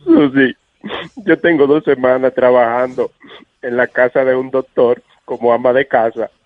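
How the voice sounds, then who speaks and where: A man voicing a tearful, clingy female caller with a rough, gruff sobbing voice. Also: medium pitch, steady tone, moderate pace, no room sound, lightly acted. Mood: weeping. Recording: tinny phone line.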